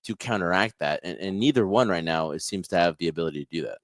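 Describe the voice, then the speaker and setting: A man co-hosting a podcast, giving earnest, quick opinions in casual chat. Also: low voice, lively intonation, no room sound. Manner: earnest, quick, restarts phrases. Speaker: podcast co-host.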